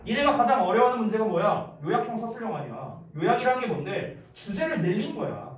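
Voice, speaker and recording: A man tutoring English in a casual lecture. He keeps checking whether students follow and acts out lively examples. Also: high-pitched. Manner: keeps checking understanding with quick questions; lively, gives acted-out examples. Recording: echoey room from far off, faint noise.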